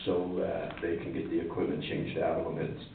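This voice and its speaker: A man's voice: low-pitched, little pitch movement, brisk, gravelly, a little hiss or hum. A man, a county sheriff, explaining his budget plainly and at length at a public meeting. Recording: echoey room from far off, phone-like.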